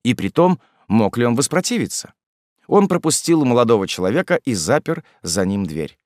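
A man narrating a classic novel as an audiobook in an expressive, theatrical reading style. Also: medium pitch, normal speed, dry recording, clean studio sound. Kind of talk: scripted narration.

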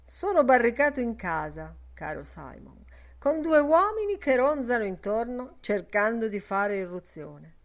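Woman playing a nervous middle-aged priest, pleading, voice pitched up, audiobook. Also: very animated, a little slow. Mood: anxious. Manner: anxious, pleading.

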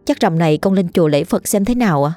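A woman voicing a meek young village wife who pleads softly and apologetically. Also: fairly low pitch, lively intonation, fast, no room sound, faint music behind, lightly acted. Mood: meek pleading. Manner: soft and pleading.

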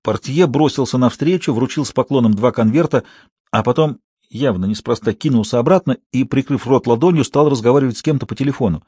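A man's voice: medium pitch, brisk, mellow, husky, no echo. Man narrating a novel, close and dry. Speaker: audiobook narrator. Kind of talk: scripted literary narration.

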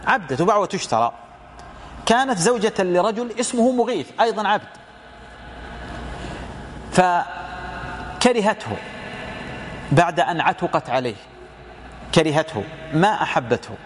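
A man's voice: high voice, sing-song, a little slow, pauses often, a little hiss or hum. A man giving a lecture commentary on hadith as a religious teacher, explaining through rhetorical questions and retold dialogue.

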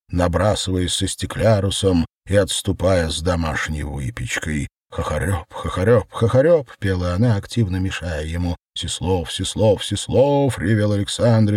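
A man narrating surreal prose in a measured, theatrical audiobook reading. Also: deep voice, husky, dry recording, studio quality.

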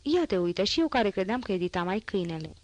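A woman's voice: medium pitch, sing-song, darkish tone, no echo, lightly acted. A woman voicing a cheeky, ragged street boy who teases and mocks. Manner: teasing and impudent.

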